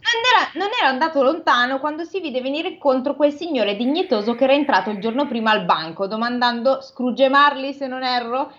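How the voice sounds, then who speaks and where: Chatty woman hosting, reads bits aloud and jokes around, slightly high voice, dull lo-fi sound. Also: a little fast, few pauses. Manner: lively, chatty, breaks off to joke. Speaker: host retelling a classic novel. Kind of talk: casual chat mixed with reading aloud. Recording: dull lo-fi recording.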